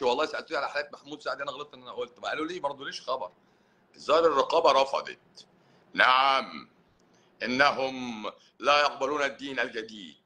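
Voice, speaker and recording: A man's voice: mid-range voice, pushed and bright. A man with an Egyptian accent, a doctor hosting a live stream who reads viewer comments aloud and answers them in a teasing, sarcastic way. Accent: Egyptian Arabic.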